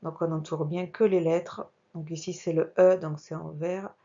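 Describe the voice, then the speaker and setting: A woman teacher giving a slow, careful reading lesson to young children, spelling out each sound while working on screen. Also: deep voice, level tone, dark tone, muffled recording. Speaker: primary school teacher.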